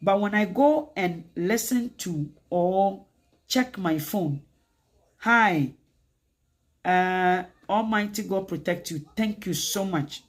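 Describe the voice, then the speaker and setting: A woman with a Ghanaian accent, hosting a casual livestream chat in an animated way, switching between English and Twi. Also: mid-range voice, slow pace. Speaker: livestream host.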